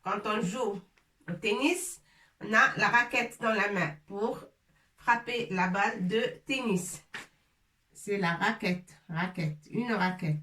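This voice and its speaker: A woman teaching a language lesson slowly and patiently, repeating each word and asking her viewers questions. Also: medium pitch, bright, forceful tone, reverberant, distant mic. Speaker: Arabic teacher.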